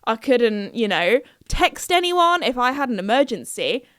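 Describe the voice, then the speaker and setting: A woman's voice: a little high, very animated, measured pace, a bit bright, smooth, no room sound, clean studio sound. A young woman hosting her own podcast, chatting casually in a bubbly way and laughing often. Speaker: podcast host. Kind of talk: casual chat.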